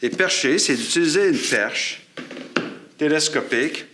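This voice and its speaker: A man from Quebec who teaches photography and sound gives a classroom demonstration of audio gear, explaining each piece as he shows it at a studio table set up for filming. His voice runs on the high side, animated and bright with a forceful edge, at a measured pace. The shotgun mic recording him hangs from a boom above, aimed at his chest.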